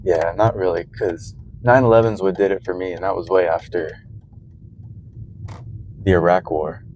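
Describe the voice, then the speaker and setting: A man's voice: deep voice, steady tone, normal speed, darkish tone, slight background noise. A middle-aged man rambling and musing aloud in a casual vlog, talking to the camera from his car. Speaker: vlogger. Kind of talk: casual driving vlog monologue.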